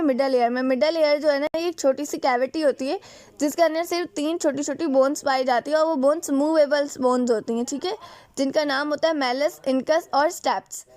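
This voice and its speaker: A woman's voice: sits high, a little mellow. A woman teacher with a Pakistani Urdu accent giving a biology lecture. She keeps asking questions and answering them herself, and she mixes in English terms.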